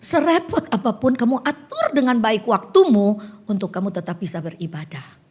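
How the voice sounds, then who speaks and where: An older woman delivers a homely sermon in a high voice with a husky edge. She talks to her listeners like friends, drifting between plain teaching and little acted-out exchanges. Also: expressive, moderate pace, a little mellow. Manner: conversational storytelling sermon, acting out dialogue. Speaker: preacher.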